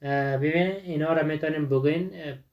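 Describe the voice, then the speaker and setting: A man teaching an English textbook lesson with a Dari accent. He reads English examples slowly and explains them in quick speech, often asking and answering his own questions. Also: a little high, lo-fi sound.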